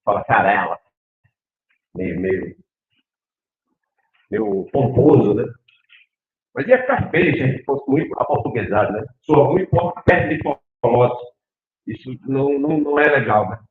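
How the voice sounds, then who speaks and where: A man's voice: mid-range voice, normal speed, creaky, long pauses. A middle-aged man from Northeast Brazil with a Northeastern accent, giving a university lecture and often asking the audience questions. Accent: Northeastern Brazilian Portuguese. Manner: animated, asks the audience questions. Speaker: university professor. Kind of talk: lively academic lecture. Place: lecture hall. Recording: echoey hall, tinny phone-like sound.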